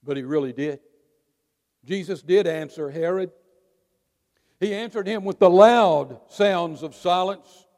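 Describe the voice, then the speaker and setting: A male pastor delivers a sermon with high, ringing tones. He leans on words and holds dramatic pauses. His voice trails off into the long reverb of a large church hall. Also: a little mellow. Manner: emphatic preaching with dramatic pauses. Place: church sanctuary.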